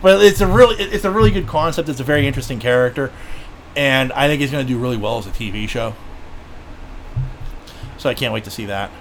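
A man hosting a casual podcast chat, talking in an excitable, profane way with plenty of fillers. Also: medium pitch, fast talker, pauses often, faint music behind. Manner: excitable, profane fan talk with many fillers. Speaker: podcast host.

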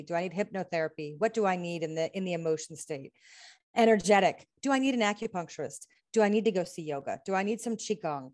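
A healing practitioner and author from the United States, speaking at a medium pitch, appears as an interview guest. She talks earnestly in a conversational way, runs through lists of questions, and laughs often.

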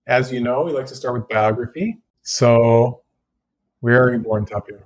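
This podcast host's voice is mid-range and his pace normal as he conducts an interview from a hotel room via a Bluetooth headset mic. He comes across as hesitant, frequently restarting questions, and there's no echo.

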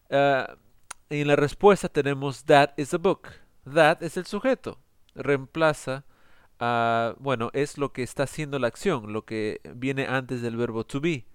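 A male teacher explains grammar in an unhurried, patient way. His voice is smooth and clear at a middle pitch. The recording is dry and close, with no room sound. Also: no echo. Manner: explains in Spanish, reads English examples slowly and carefully. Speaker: English teacher. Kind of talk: recorded online lesson.

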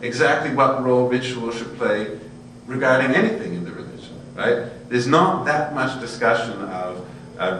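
A man's voice: mid-range voice, fairly bright tone. A man giving an informal academic lecture in an erudite, discursive way, often checking in with his listeners. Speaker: lecturer in Buddhist studies. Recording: very echoey, distant microphone, faint hum and noise.

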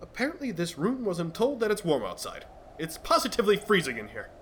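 A man's voice: high voice, huge pitch swings, a little fast, slight background noise. A man playing a cowardly, pompous, scatterbrained detective in an old-style radio drama, fussy and theatrical. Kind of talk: 1940s radio acting.

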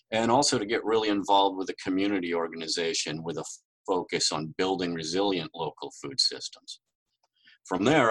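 A middle-aged man, a guest on a podcast, giving measured, informative explanations of farm law. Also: low-pitched, a bit bright, low-quality recording. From New Hampshire, USA. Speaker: podcast guest, legal researcher.

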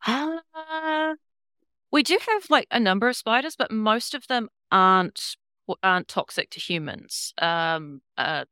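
A woman chats casually as a game master, wry and self-deprecating. Her voice is smooth and resonant, and the recording is close and dry. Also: fairly high pitch, unhurried, pushed and bright, no echo. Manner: chatty, wry, self-deprecating, laughs often. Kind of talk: casual chat.

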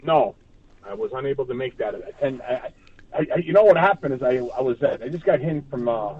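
Casting: halting male interview guest, mid-pitched, on a thin phone connection. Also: animated, husky, dry recording. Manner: halting, repeats words. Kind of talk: casual interview chat. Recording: tinny distant phone line with noise.

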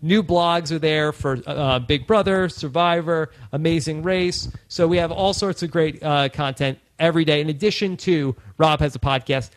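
Rambling podcast host, tired voice. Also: male voice, fairly high pitch, moderate pace, hardly any pauses, dry recording. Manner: rambling, many "uh" fillers and restarts. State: tired, losing his voice. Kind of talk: casual podcast chat.

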